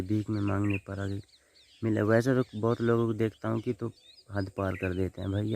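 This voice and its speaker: A man's voice: fairly low pitch, creaky, darkish tone, a little hiss or hum. A young man giving relationship advice in a casual vlog from a farm field, talking informally and often repeating little check-in words. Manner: informal, repeats "thik hai" and "bhai". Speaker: vlogger.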